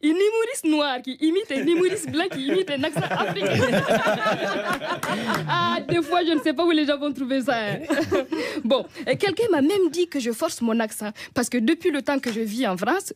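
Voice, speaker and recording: High-voiced woman with a Burkinabè accent. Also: lively intonation, normal speed, no echo. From Burkina Faso. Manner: wry, teasing delivery with frequent chuckles. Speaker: radio columnist. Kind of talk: humorous scripted column.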